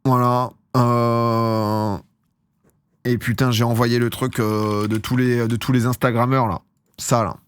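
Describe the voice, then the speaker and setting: A man's voice: medium pitch, little pitch movement, slow pace, clean tone. A young man from France chatting casually on a live stream, rambling and slangy, often laughing at himself. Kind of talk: casual chat with chat viewers.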